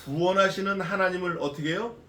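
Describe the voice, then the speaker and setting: A middle-aged pastor preaching an expository sermon in a lively, folksy manner, throwing rhetorical questions at his listeners. His voice sits a little high for a man and rings out from across an echoey church, away from the microphone, with a faint room hum underneath. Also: fast, far from the mic. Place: church sanctuary.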